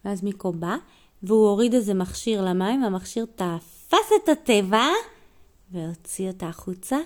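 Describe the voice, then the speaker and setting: A woman improvising a gentle bedtime story, stopping to ask the child what happens next. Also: mid-range voice. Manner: gentle, asks the child questions along the way.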